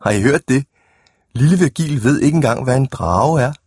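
A man's voice: on the low side, lively intonation, mellow, slightly rough, dry recording, full character voice. A man reading a storybook aloud, voicing a boastful schoolboy who talks in a self-important, emphatic way. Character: boastful schoolboy, a know-it-all spinning tall tales.

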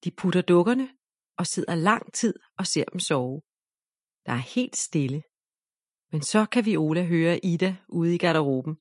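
A woman reading a children's story aloud in a gentle, even narration. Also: fairly low pitch, no room sound, clean studio sound.

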